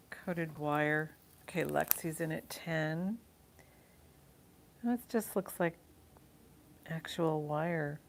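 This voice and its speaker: Casting: woman, deep-pitched casual auctioneer for live selling, informal and chatty, faint noise behind. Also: vocal fry. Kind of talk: casual live-sale auctioneering, counting down bids.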